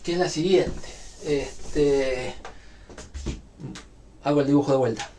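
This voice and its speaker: A man's voice: medium pitch, takes it slowly, far from the mic, noisy background. A man with a Rioplatense Spanish accent giving a university physics lecture, explaining step by step with frequent fillers.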